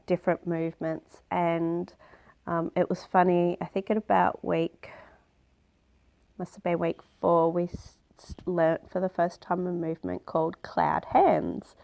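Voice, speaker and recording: A woman's voice: on the low side, flat delivery, unhurried, gravelly, a little mellow. A woman recording a casual video diary, sounding nasal from a cold and talking in a chatty way with many ums. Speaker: vlogger.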